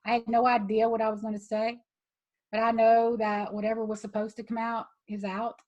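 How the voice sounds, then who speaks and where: A woman's voice: on the high side, little pitch movement, brisk, a little mellow, dull audio. A woman guest speaker closing a heartfelt talk in an earnest, impassioned way.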